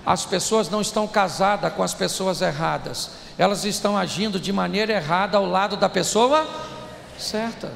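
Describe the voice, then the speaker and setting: A man with a high, very gravelly voice preaches humorously to a live audience at normal speed, animated and joking as he calls out directly to the crowd. His voice echoes through a large hall over faint background noise.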